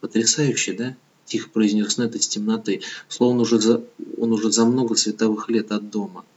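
A man reading an audiobook novel in calm, measured scripted narration, on a dull lo-fi recording. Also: fairly low pitch.

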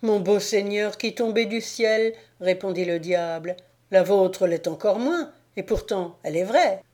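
Lady doing a whiny sly old devil guy, begging, slow and soft. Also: mid-range voice, natural voice. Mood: wheedling. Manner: pleading, groaning, self-pitying. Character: whining wretched male devil disguised as old slave. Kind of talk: audiobook reading.

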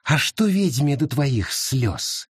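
A man reading an audiobook and voicing a vengeful woman witch who speaks slowly and menacingly with a hiss. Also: mid-range voice, very animated, husky, no echo, studio quality, full character voice. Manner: slow, hissing, menacing.

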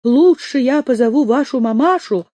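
A fussy, tearful young maid who frets and chatters over her young mistress, as a woman reader puts her on. The voice sits somewhat above the reader's own, dark and mellow in tone, in an audiobook read close and dry. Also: high-pitched, lively intonation, moderate pace, dry recording, voice pushed up. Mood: fretful. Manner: fretful, doting, chattering.

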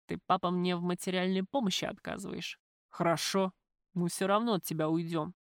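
A woman's voice: lowish voice, fairly even intonation, brisk, no echo, clean studio sound, close to an everyday voice. A woman voicing a sulky, defiant young man arguing with his father in an audiobook. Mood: sullen. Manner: sullen, defiant, grumbling. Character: sulky young man, a spoiled newlywed son.

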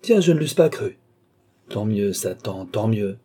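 A man's voice: on the low side, very animated, unhurried, warm tone, slightly rough, exaggerated voice. Man playing a scheming old baron. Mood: ironic. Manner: ironic, coaxing, commanding. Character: vain, scheming old baron, ironic and domineering.

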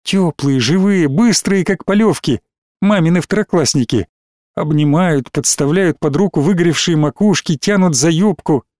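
A man reading a story aloud in a measured, expressive way. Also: fairly high pitch, dry recording, clean studio sound. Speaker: narrator. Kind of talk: scripted audiobook narration.

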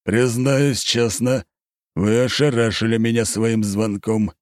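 A male audiobook reader voicing a stern, grieving head of a noble clan in a steely, measured tone. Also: fairly low pitch, fairly even intonation, a little mellow, no room sound, studio quality, pitched above the performer's own voice. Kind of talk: audiobook character reading.

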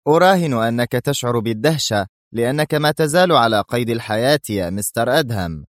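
A man's voice: medium pitch, animated, quick pace, dry recording, clean studio sound, voice pushed up, close to an everyday voice. A man reading a story, voicing a stern, gloating mercenary general who gets angry. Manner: firm, angry bursts.

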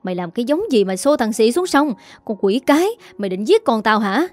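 A woman's voice: on the high side, sing-song, a little fast, darkish tone, faint music behind. A woman doing a spiteful scolding village mother. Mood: furious. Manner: scolding, harsh. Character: spiteful middle-aged village mother, shrill.

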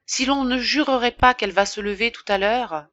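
Woman voicing a shrill alarmed innkeeper. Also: moderate pace, fairly bright tone, no room sound, muffled recording, close to an everyday voice. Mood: tender. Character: excitable middle-aged female innkeeper.

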